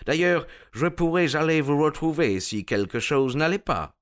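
A man voicing a pushy male American lawyer who talks in an insistent, hurried, persuasive way. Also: fairly high pitch, expressive, pitched above the performer's own voice, close to an everyday voice.

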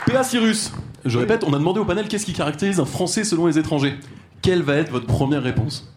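A man hosting a live game show on a theater stage, brisk and teasing, urging contestants to answer. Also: on the high side, a little hiss or hum. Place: theater stage before an audience.

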